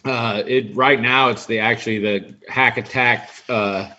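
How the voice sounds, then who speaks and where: A man's voice: medium pitch, steady tone, measured pace, sharp tone. A man who is a guest in a casual fishing chat, easygoing as he explains his gear. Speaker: guest angler. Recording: dull lo-fi sound.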